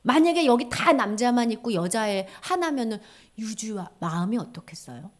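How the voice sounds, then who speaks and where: A woman giving a children's sermon in a church, animated, acting out little voices and dropping to a whisper for key points. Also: a little high, normal speed. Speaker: children's ministry teacher.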